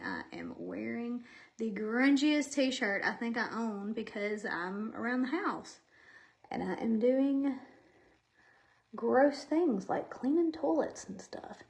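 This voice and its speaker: A woman with a voice on the high side hosts a makeup live stream from home, chatting casually and a little breathlessly. She rambles and speaks directly to her viewers into a camera facing her.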